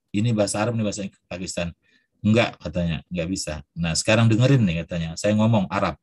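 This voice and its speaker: A man's voice: lowish voice, darkish tone, breathy edge, no echo. A man telling a story while teaching an Arabic class, acting out the dialogue.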